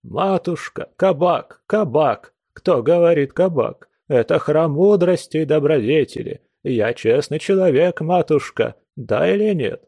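A man's voice: a little high, animated, a little slow, few pauses, mellow, no room sound, pitched above the performer's own voice. A man reading aloud plays a drunken old male guest who wails and pleads in grand, churchy phrases, in a somewhat raised voice. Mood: drunken pleading. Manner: wailing, churchy pompous phrasing.

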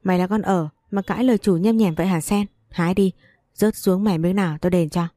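Bossy young master, scolding, low warm voice, woman reader. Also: fairly even intonation, fairly quick, dry recording, lightly acted. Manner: curt commanding scolds.

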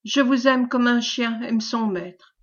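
A woman reading the lines of a servile, scheming man who flatters in a caressing, obsequious tone, in a storybook reading. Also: on the high side, slow, slightly rough, dull audio. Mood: fawning. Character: fawning, sly male schemer, servile and unctuous.

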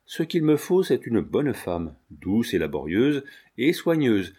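A man's voice: mid-range voice, very animated, takes it slowly, dark tone, slightly rough, exaggerated voice. A man reading a young male tailor who earnestly and tenderly pleads his love. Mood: pleading.

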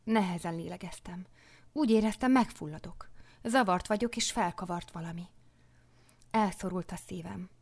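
A woman narrating a novel in the first person for an audiobook, hushed and often dropping into a whisper. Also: on the low side.

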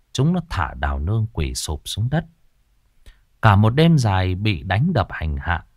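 Lively low-voiced male storyteller. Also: dry recording, clean studio sound. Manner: dramatic, expressive. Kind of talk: scripted ghost story narration.

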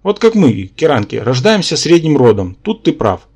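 A man's voice: fairly high pitch, very animated, moderate pace, a little mellow, breathy edge, full character voice. A man voicing a pedantic, lecturing male spirit symbiont who lives in the hero's head. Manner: lecturing, matter-of-fact.

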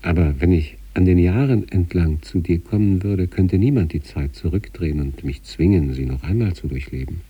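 In a literary radio monologue, a man plays an obsessive sanatorium patient reading letters to his wife, his husky, gravelly, dark low voice carrying a measured, introspective intensity. He sounds absorbed and determined. The lo-fi recording has a distant mic and no room sound.

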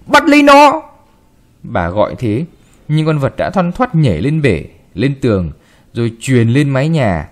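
A man reading a short story aloud with expressive, varied delivery. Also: mid-range voice, normal speed. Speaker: narrator.

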